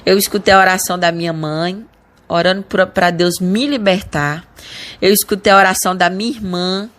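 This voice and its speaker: A woman's voice: fairly low pitch, fairly even intonation, normal speed, a bit bright. A woman with a Brazilian accent giving an earnest spoken religious testimony, often restarting and repeating words. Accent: Brazilian Portuguese. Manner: earnest, addresses listeners as brothers. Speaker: church member giving testimony.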